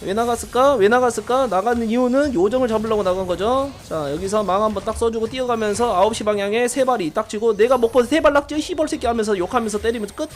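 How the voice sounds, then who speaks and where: A man's voice: high voice, quick pace, few pauses, slight background noise. A man streaming a mobile game, giving brash casual commentary, swearing and teasing his viewers.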